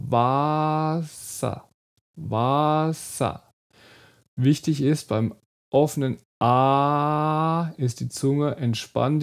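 A man teaching German pronunciation in an online lesson, demonstrating sounds slowly and carefully. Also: mid-range voice, vocal fry, mellow.

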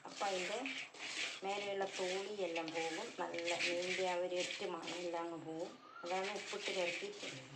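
A woman's voice: fairly low pitch, fairly even intonation, normal speed. A woman, vlogging casually at home and chatting fondly to her cat while she cleans fish. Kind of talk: casual home cooking vlog. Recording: echoey room with clear background noise.

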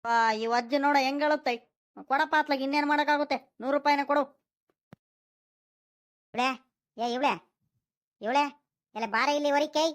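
A woman's voice: high voice, steady tone, normal speed, pauses often, close to an everyday voice. A woman voicing a stingy, fussy old village grandfather in a cartoon, nagging and haggling, with a rural Karnataka Kannada accent. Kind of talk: cartoon voice acting.

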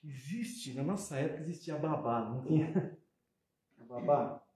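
A man with a Brazilian accent giving a spiritual lecture, conversational, with soft asides and loud emphatic bursts. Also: fairly high pitch, moderate pace. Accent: Brazilian Portuguese. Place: hall at a spiritist center. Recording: echoey hall.

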